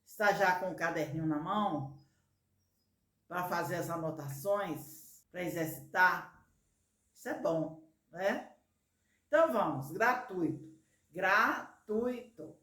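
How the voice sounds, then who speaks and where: A woman's voice: lowish voice, expressive, a little slow, long pauses, fairly bright tone, echoey room. A woman teaching language in a video, patiently drawing out example words syllable by syllable. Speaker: Portuguese teacher. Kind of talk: slow, careful teaching video.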